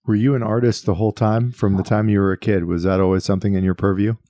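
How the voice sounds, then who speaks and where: A man's voice: on the low side, little pitch movement, quick pace, dry recording, studio quality. A man interviewing a guest, asking curious questions and humming along as he listens. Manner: curious, many soft listening hums. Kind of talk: casual interview.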